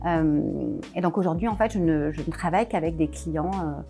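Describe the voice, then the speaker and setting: A woman's voice: low voice, moderate pace, mellow, faint music behind. A woman business coach chatting casually in an interview, hesitant with many fillers and restarts.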